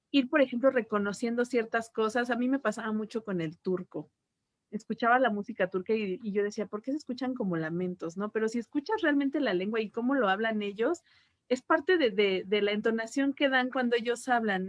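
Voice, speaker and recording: A woman language teacher, explaining her views in a thoughtful, measured way. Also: medium pitch, no room sound, studio quality. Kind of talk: reflective educational talk.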